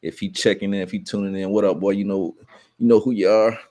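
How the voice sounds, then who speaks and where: A man's voice: lowish voice, fairly even intonation, quick pace, dark tone, dry recording. A man hosting a casual livestream in a laid-back, rambling way, talking straight to his viewers, his sound muffled as if heard through a wall. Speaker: livestream host. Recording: dull, muffled livestream audio.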